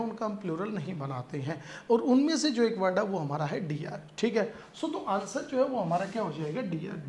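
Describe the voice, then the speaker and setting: A man teaching an exam-prep grammar lesson. He explains in Hindi, mixes in English phrases, slows down to read the example sentences and often checks in with his students. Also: high voice. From India. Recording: echoey room with faint background noise.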